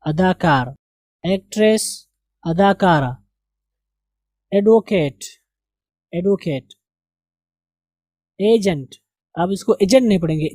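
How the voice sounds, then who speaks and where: A man teaching English as a classroom lesson, slowly and deliberately drilling the pronunciation of words. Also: sits high, warm tone, no echo.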